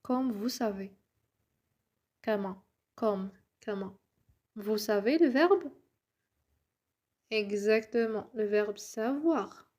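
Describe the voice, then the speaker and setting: A woman's voice: medium pitch, slow pace, pauses often, darkish tone. A woman teaching French in a casual lesson, switching to Arabic to explain. She is patient and encouraging, often checks that the listener follows, and sometimes whispers to model pronunciation.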